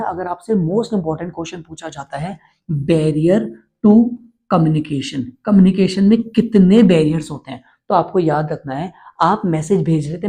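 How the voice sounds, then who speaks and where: Mellow-voiced male teacher quizzing his class. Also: a little high, breathy edge. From India. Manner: keeps quizzing and repeating answers. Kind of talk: exam-prep lecture with call-and-response.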